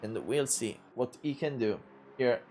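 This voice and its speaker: Unhurried and medium-pitched, with slight background noise, a young Italian man in his twenties commentates a sim race in English. His accented delivery is halting, packed with fillers and restarts, yet he gets louder and more thrilled as battles tighten.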